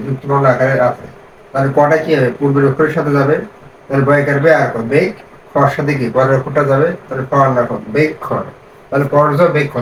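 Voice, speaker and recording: A man teaching reading. He spells out syllables slowly, then asks the class questions and answers them himself. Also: on the high side, a little hiss or hum. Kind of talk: step-by-step reading lesson. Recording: echoey room, mic set far off.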